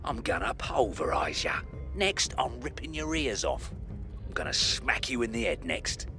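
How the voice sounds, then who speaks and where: A man's voice: medium pitch, very animated, normal speed, bright, forceful tone, faint music behind. A man voicing a menacing bounty hunter who taunts and threatens with gleeful violence.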